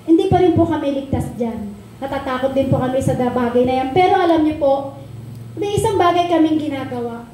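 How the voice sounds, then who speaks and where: A woman's voice: high voice, dark tone. A woman pastor, preaching an impassioned sermon that slips into sung lines. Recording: very echoey room with faint noise.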